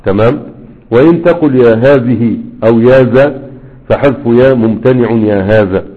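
Husky Egyptian man teaching grammar. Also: medium pitch, normal speed. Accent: Egyptian Arabic. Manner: quizzes listeners with rhetorical questions. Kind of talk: recitation and explanation lesson. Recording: tinny phone-like sound.

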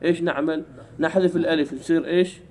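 A man teaching an Arabic grammar lesson in a classroom, drawing out key words slowly and keeping the class engaged with questions. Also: on the high side, fairly even intonation, darkish tone. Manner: drawls key words slowly, keeps asking "what?".

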